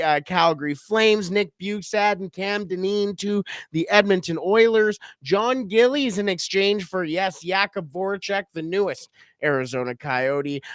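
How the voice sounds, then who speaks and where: A man's voice: high voice, clear, resonant tone, no echo, studio quality. A man co-hosting a sports podcast in casual, emphatic chat. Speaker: podcast co-host.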